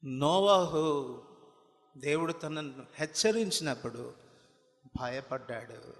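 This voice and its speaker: A man's voice: medium pitch, fairly even intonation, moderate pace, fairly bright tone. A man preaching a sermon, telling a story and firing rhetorical questions at the congregation, building to impassioned appeals. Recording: long reverb of a large hall.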